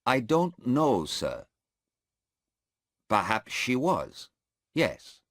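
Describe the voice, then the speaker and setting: A man's voice: mid-range voice, wildly swooping pitch, very slow, a bit bright, no room sound, clean studio sound, voice pushed up, full character voice. A man voicing a hesitant, deferential male airport policeman in a story read aloud, testifying in court. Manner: hesitant and deferential, says sir.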